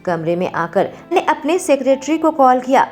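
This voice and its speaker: A woman reads a romantic story aloud in a steady, expressive narrating voice. The voice sits fairly high, and gentle music plays softly behind her. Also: normal speed.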